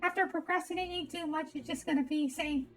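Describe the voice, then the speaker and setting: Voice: high-pitched, fairly even intonation, a little fast, a bit bright. A streamer heard through a voice changer, chatting casually and giggling while greeting viewers by name. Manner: giggly, greets chat by name, frequent laughs. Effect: voice changer, acting oddly today. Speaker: streamer playing and reacting. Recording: faint game music behind.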